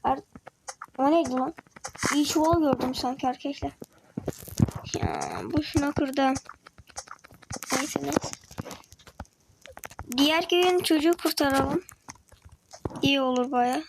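A high-pitched young woman chatters her way through a video game, excitable and quick to react. She keeps talking to her viewers and to the creatures on screen, and now and then drops to a whisper. A clear hiss of background noise sits under her voice. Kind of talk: casual gameplay commentary.

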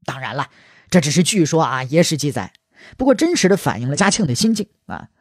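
A man's voice: on the high side, big pitch swings, quick pace, no echo, clean studio sound. A man telling history stories in a chatty, colloquial way, with asides to the listener. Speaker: history storyteller. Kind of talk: colloquial storytelling.

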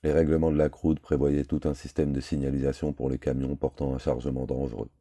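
A man reading a novel aloud in a measured, terse storytelling manner. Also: extremely low pitch, little pitch movement, mellow, no room sound. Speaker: audiobook reader. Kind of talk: scripted novel narration.

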